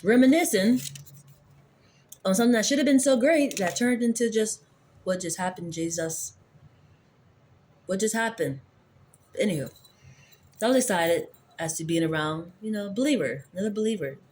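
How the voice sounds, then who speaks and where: A woman's voice: medium pitch, moderate pace, pauses often, darkish tone, a little hiss or hum. A woman telling a personal story in a casual, rambling monologue, candid and full of swearing. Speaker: vlogger.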